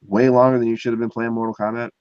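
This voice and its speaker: A man's voice: medium pitch, level tone, racing, clean tone, no room sound. A man from Ohio chatting casually as a podcast host, rambling with lots of fillers. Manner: rambling, filler-heavy, chuckling. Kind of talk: casual chat. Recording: dull muffled sound.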